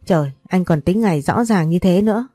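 A woman voicing a scheming sister who coaxes and persuades in a soft, even way. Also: on the low side, fairly quick, no echo, clean studio sound, faint music behind.

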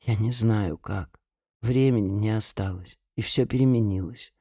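A man voicing a frightened, stubborn teenage girl who is close to tears, speaking in shrill, pleading outbursts. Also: moderate pace, warm tone, slightly rough, dry recording. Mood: tense.

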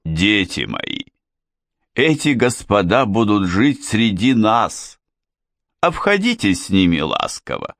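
A man's voice: on the low side, very animated, slow, fairly bright tone, no room sound, clean studio sound, full character voice. A male audiobook reader voicing a grand, coaxing king of penguins. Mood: jovial. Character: jovial pompous old male penguin king. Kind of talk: audiobook character reading.

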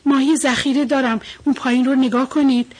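A woman's voice: high-pitched, fairly even intonation, darkish tone, slightly rough. A woman voicing a cunning, cruel male pelican who mocks his captured prey in a storybook reading. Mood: gloating. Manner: mocking, gloating.

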